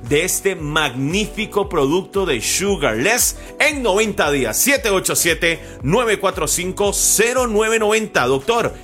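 A man hosting an infomercial with an urgent hard-sell pitch, repeating the phone number again and again. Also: very animated, measured pace, hardly any pauses, a bit bright, soft background music. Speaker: infomercial host.

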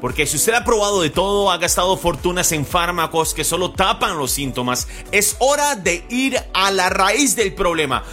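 A man hosting an infomercial with an urgent hard-sell pitch, repeating the phone number again and again. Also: pushed and bright. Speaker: infomercial host.

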